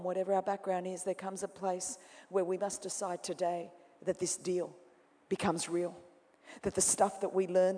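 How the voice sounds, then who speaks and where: A Greek-speaking Australian woman in her forties delivers a sermon to a congregation in a mid-range voice that rings through a large auditorium with long reverb. Her dramatic style swings from loud, lively mimicking to quiet, intense confession.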